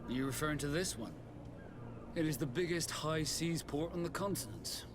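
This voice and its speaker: An actor playing a proud, dignified seafaring guild captain in a video game, speaking in a measured way. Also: male voice, on the high side, lightly acted. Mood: measured, informative. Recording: music behind the dialogue.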